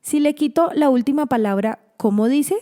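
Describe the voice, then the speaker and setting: A woman giving a scripted instructional narration for parents and teachers, slowly stretching out the example words. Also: high voice, dark tone.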